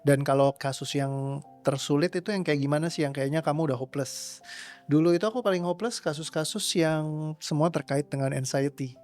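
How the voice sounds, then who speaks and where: A man's voice: fairly high pitch, fairly quick, a little mellow, faint music behind. A young man answering interview questions as a coach, rambling casually and slipping English words into his speech. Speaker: trauma release coach.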